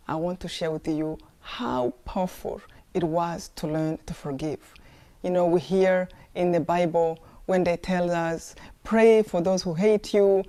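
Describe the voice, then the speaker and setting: A woman's voice: fairly low pitch, warm tone. A woman from Rwanda giving an earnest testimony talk, with emphatic rhetorical questions. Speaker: speaker.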